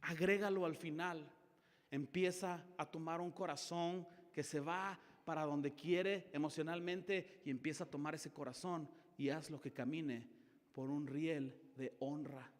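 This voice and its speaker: A man's voice: a little high, steady tone, a little slow, in a large hall. A middle-aged man with a Mexican Spanish accent preaching a sermon in a church, shifting his tone dramatically as he acts out little dialogues. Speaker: pastor.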